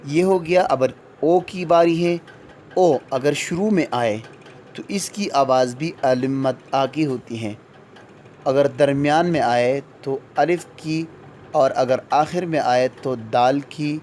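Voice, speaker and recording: A man teaching a lesson on vowel sounds, speaking slowly and repeating each example word, then spelling it out. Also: medium pitch, darkish tone, slight background noise. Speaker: English teacher.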